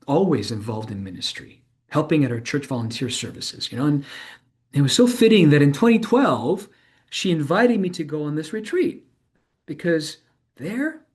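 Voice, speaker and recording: Performing a dramatized true-story monologue framed like a casual interview, a man portrays a thoughtful, earnest former tech founder in middle age. His delivery is halting and searching, self-correcting with emphatic swells, and he sounds reflective and moved. His pitch runs on the high side.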